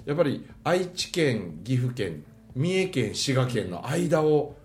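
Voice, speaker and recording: A man's voice: mid-range voice, slow, echoey room, slight background noise. A man from Mie with a Kansai-style Mie dialect, chatting casually and telling stories with laughter. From Mie, Japan. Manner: animated, laughing storyteller. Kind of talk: casual chat.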